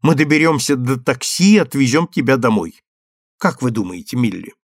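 A man's voice: sing-song, moderate pace, no room sound, clean studio sound. A man reading an audiobook, voicing a young actress in a raised, passionate, exclamatory voice. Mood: practical. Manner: passionate, exclamatory, high-pitched. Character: young female musical-comedy star, fiery, theatrical.

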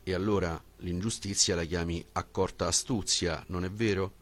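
A man reading a philosophical dialogue as an audiobook, with a measured, questioning delivery. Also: sits low, steady tone, a bit bright. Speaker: audiobook reader.

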